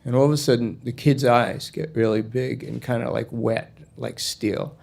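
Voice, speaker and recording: A man telling a story in an animated, digressive way, full of asides. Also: medium pitch, normal speed, creaky. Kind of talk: spoken storytelling.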